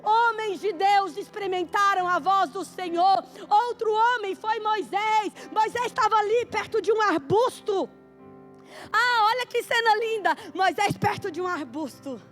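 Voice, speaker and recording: A woman's voice: extremely high pitch, a little slow, fairly bright tone, faint music behind. A woman preacher with a Brazilian Portuguese accent, delivering a fervent sermon and asking the congregation questions. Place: church service.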